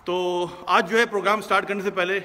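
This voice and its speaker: Out on the road driving past shops, a man with a Pakistani Urdu accent answers viewers' questions in a casual live stream, earnest but easygoing, with English words mixed in. He talks fast in a high, sharp voice with fairly even intonation.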